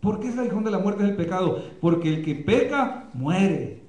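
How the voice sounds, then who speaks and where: A male pastor preaching a sermon with passion, often pausing on fillers. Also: high-pitched, big pitch swings, a little mellow, roomy sound. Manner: impassioned preaching, many filler pauses. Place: church, live streamed.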